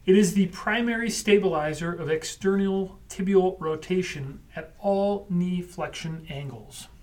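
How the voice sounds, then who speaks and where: A man's voice: high voice, unhurried, darkish tone, distant mic. A man co-hosting a casual podcast as a physical therapist, explaining clinical terms with dry jokes. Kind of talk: casual educational podcast chat.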